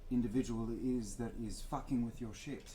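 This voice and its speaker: A man's voice: mid-range voice, steady tone, fairly quick, mellow, slight background noise, poor audio. A man playing a tabletop game in character, hesitant with many fillers. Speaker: player.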